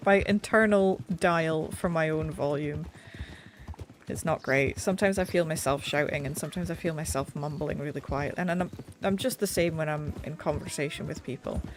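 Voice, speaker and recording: Streaming a game, a woman with a deep, slightly nasal voice chats casually and pokes fun at herself as she plays, at a normal pace. Her desk mic sits a little back, and there's background noise.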